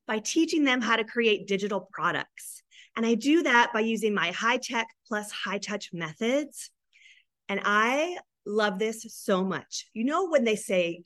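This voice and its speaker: A woman's voice: mid-range voice, no room sound. A woman in her thirties or forties, a guest on a podcast, talking in an enthusiastic, heartfelt way about building her business as a mom. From Arizona, USA. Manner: warm, emotional, tearful while telling her story; enthusiastic, upbeat. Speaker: guest, business coach for moms. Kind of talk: casual podcast interview.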